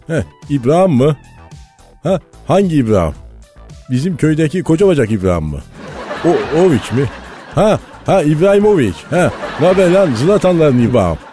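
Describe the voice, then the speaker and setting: A man's voice: on the high side, big pitch swings, fairly quick, over music. A man doing a bossy, blustering old club boss. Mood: on phone. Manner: bossy, curses, shouts into phone. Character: blustering older male football club president. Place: radio studio.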